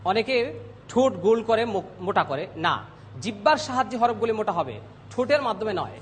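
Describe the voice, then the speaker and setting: A man teaching Arabic letter pronunciation on a TV lesson, speaking slowly and repeating each sound loudly for students. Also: sits high, lively intonation, long reverb tail, slight background noise. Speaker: Quran recitation teacher. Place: TV studio.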